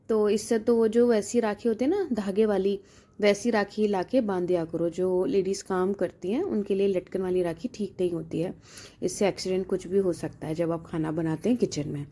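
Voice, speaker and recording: A woman's voice: medium pitch, dark tone. A young woman from India narrating her family vlog in a chatty, teasing way and laughing often. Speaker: vlogger.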